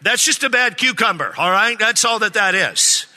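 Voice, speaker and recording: High, bright-voiced man preaching in a hall. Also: animated, moderate pace. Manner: joking, calls for amens from the congregation. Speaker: pastor. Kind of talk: sermon. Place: church sanctuary.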